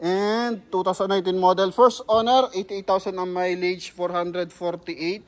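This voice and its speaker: A man with a Filipino accent giving a casual walkaround sales pitch on a car lot, chatting to viewers and calling them "boss". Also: little pitch movement, unhurried. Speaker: used car sales presenter.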